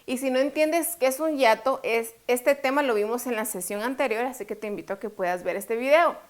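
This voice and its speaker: A woman teacher giving a recorded online grammar lesson, explaining step by step, asking questions and answering them herself, and slowing down to stress syllables. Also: on the high side. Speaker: Spanish teacher.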